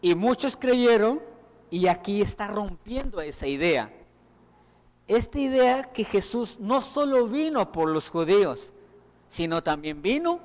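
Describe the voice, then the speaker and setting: Preacher, male, high voice, lively sermon delivery, long church-hall reverb. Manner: animated, acts out quoted voices.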